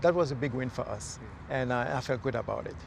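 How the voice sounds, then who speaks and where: Man, from Haiti, gravelly, slightly high voice, earnest and halting, faint street noise outdoors. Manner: earnest, hesitant, many fillers. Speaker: mayoral candidate. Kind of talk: casual interview. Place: outdoors in a city near traffic.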